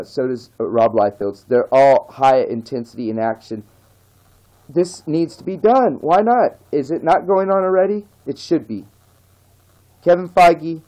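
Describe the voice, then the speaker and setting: A dark-toned man, captured on a rough recording, vents to camera as a vlogger who came of age in the nineties. Casual yet impassioned, he repeats his pleas and presses his points hard, his pitch rising whenever he begs.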